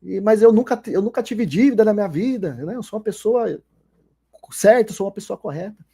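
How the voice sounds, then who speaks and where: A Brazilian man voicing a distressed older woman who pleads urgently for help, with a husky tone. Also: sits high, expressive, brisk, mellow, heavily acted. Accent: Brazilian Portuguese.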